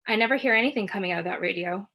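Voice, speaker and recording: Woman reading fiction aloud, measured. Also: mid-range voice, bright, forceful tone. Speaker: author reading at a book launch.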